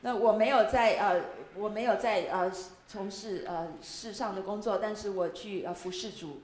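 A woman interpreting a sermon phrase by phrase, speaking in quick chunks with frequent filler sounds. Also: medium pitch, steady tone, a little mellow. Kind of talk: consecutive interpreting at a church talk.

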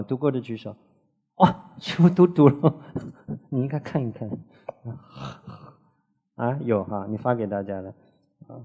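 A man's voice: mid-range voice, warm tone. A man lecturing a Bible class in an earnest teaching manner, often adding filler particles and asking the students questions.

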